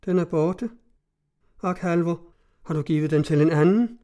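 A man voicing a distraught, confused young woman in an audiobook, speaking in a soft, pleading, anxious way. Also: fairly high pitch, steady tone, close to an everyday voice. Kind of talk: audiobook reading.

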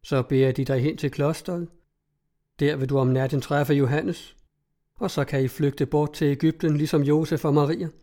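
A man voicing a kindly male angel who gives gentle, reassuring counsel. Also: fairly high pitch, fairly even intonation, natural voice.

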